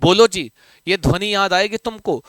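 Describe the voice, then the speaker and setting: A man's voice: high-pitched, normal speed, fairly bright tone, no room sound. A man teaching Sanskrit grammar in a live online class, chanting word forms aloud and coaxing students to answer, with playful mock threats. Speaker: Sanskrit teacher for exam prep.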